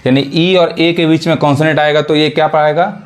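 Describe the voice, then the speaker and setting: A man's voice: fairly high pitch, fairly even intonation, a little fast. A man teaching English pronunciation rules in Hindi, repeating his points and often checking whether his listeners understand. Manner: repetitive teaching, asks "samajh mein aa raha hai?". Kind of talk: classroom explanation.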